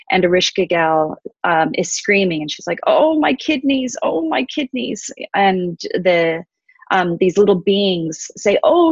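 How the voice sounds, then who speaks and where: A woman retelling an old myth in conversation, thoughtful, with many pauses and fillers. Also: on the low side, dry recording, dull audio. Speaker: interview guest, storyteller.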